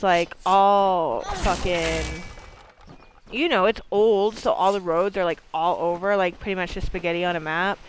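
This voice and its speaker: A young woman streamer from Maine, USA, chats casually and swears freely while playing a game. Her voice sits on the low side, and the background is noisy.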